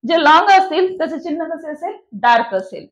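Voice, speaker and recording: In a classroom that also has online students, a woman gives a shorthand lesson, posing questions to the class and then answering them herself. Her voice is extremely high and expressive, and she speaks at a moderate pace.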